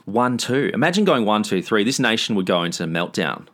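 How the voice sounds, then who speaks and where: A man's voice: lowish voice, animated, fairly quick, a bit bright. An Australian man chatting casually about sport as a co-host, with a blokey, laconic, sweary manner. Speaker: sports talk show co-host.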